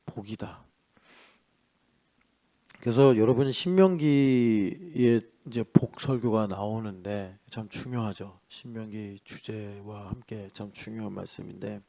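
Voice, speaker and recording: Conversational male pastor, mellow voice. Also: mid-range voice. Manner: conversational, rhetorical questions, swings between loud and soft. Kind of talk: early-morning sermon. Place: church.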